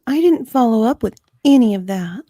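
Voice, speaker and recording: In an amateur dramatic reading of a deposition, a woman plays an unsure witness, hesitantly drawing out her uncertain answers. Her fairly high voice is mellow with lively intonation at a moderate pace, and the studio recording is clean and dry.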